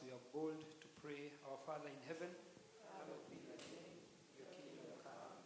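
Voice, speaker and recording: Man, raised voice, service leader, measured liturgical reading, cathedral echo, long reverb, congregation in background. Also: on the high side. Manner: measured, reciting prayers aloud with a congregation. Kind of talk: leading church liturgy. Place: large church. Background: congregation reciting along.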